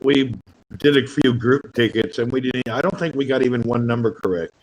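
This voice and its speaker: A man's voice: medium pitch, a little fast, rough recording. A man hosting a casual livestream chat, joking with guests and calling on them one by one. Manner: jokey, calls on guests one by one. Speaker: livestream host.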